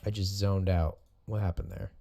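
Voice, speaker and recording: In a warm, low, steady voice at a moderate pace, a man coaches jiu-jitsu while breaking down sparring footage. His casual commentary is easygoing and rambling, and he often corrects himself.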